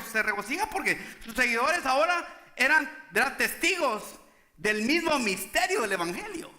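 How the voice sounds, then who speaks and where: A male pastor preaches emphatically, repeatedly asking "¿sí?" to win the congregation's agreement. His very high voice comes across sharp and bright, echoing around a roomy church.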